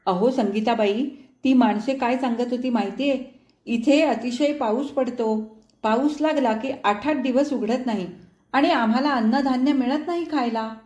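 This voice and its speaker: A woman doing an animated adult woman retelling news. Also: on the high side, normal speed, roomy sound, natural voice.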